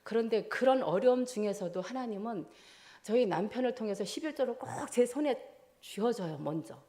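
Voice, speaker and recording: A middle-aged woman stands before her church to give her testimony. Her voice is mellow and soft-edged. She tells the story earnestly and slips into the pleading words of her own past prayers. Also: on the high side, lively intonation, brisk. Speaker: church deaconess giving testimony. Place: church service.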